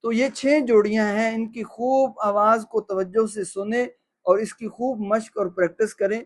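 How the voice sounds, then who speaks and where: A man with a Pakistani Urdu accent giving a tajweed lesson, slowly and deliberately drilling the sounds of similar letters. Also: high-pitched. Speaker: Quran recitation teacher.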